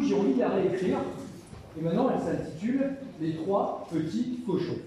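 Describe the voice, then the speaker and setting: A man's voice: high-pitched, mellow, a little hiss or hum. A man telling a tale live, chatty and joking with asides to the listeners. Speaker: storyteller. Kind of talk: live oral storytelling. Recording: echoey hall from far off, faint ambience.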